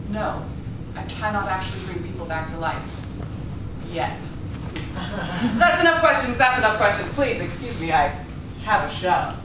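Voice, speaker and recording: A woman's voice: medium pitch, close to an everyday voice. A woman playing a boastful, vain male escape artist, speechifying in a grandiose, self-important way in a stage monologue. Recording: echoey distant stage recording, noisy.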